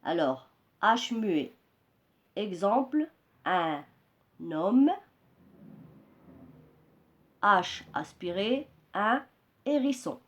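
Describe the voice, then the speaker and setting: Very slow-speaking woman teacher. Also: mid-range voice, a bit bright. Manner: deliberate, repeats key words for students. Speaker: French teacher. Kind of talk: slow classroom explanation.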